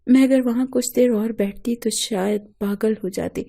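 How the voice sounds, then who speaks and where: Brief: woman storyteller, dramatic first-person narration, very dark warm tone. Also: fairly high pitch, fairly even intonation, gravelly. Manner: emotional, dramatic.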